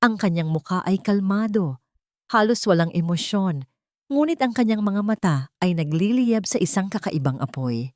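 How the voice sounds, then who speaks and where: A woman with a Filipino accent narrates a scripted romantic drama at normal speed. Her medium-pitched voice is animated and a little mellow, and the studio recording is clean with no room sound.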